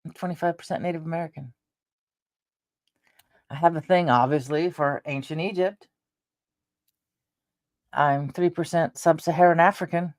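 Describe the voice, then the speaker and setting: A woman's voice: deep voice, moderate pace, pauses often, darkish tone, no echo, clean studio sound. A woman in her fifties, hosting her own channel in a rambling casual chat, wandering between thoughts with hesitations and restarts. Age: 50s. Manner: meandering, with frequent hesitations and restarts. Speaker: channel host.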